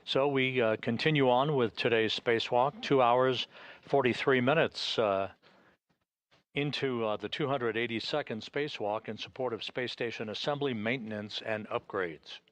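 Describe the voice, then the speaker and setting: A man giving live spaceflight commentary from mission control in a measured, halting way with frequent hesitations. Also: mid-range voice, dry recording.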